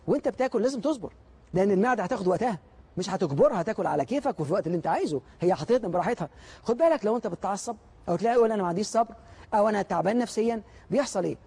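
A man's voice: sits high, darkish tone, breathy edge. A man with an Egyptian Arabic accent giving a motivational lecture, emphatic and full of rhetorical questions that he answers himself.

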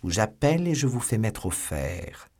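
A man's voice: on the low side, very animated, moderate pace, vocal fry, a little mellow, exaggerated voice. A man voicing a proud, haughty English duke in a French audiobook. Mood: angry.

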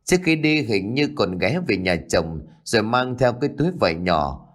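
A man narrating a ghost story in a dramatic, expressive way. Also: lowish voice, normal speed.

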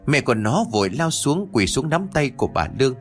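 Male storyteller, dramatic read, lively pitch, soft music under. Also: a little fast, husky. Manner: expressive, dramatic reading. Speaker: narrator. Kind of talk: audio story narration.

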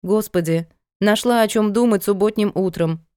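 A woman reads a first-person story aloud in a wry, conversational way. Her voice is mellow and dark at a middle pitch. The recording is close and dry. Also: moderate pace, no echo. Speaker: audiobook narrator. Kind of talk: first-person audiobook narration.

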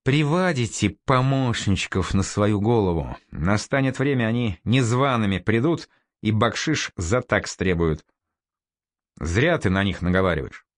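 A man voicing a scarred veteran commander who speaks curtly and gives sharp orders like a drill sergeant. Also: on the low side, expressive, unhurried, dry recording, clean studio sound. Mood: stern. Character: stern scarred male commander, curt and commanding.

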